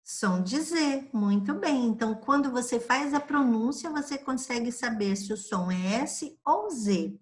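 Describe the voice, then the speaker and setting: Speaking at a fairly high pitch with lively intonation, this Brazilian teacher goes over a grade-school lesson. Each example word gets drawn out slowly and patiently for the children.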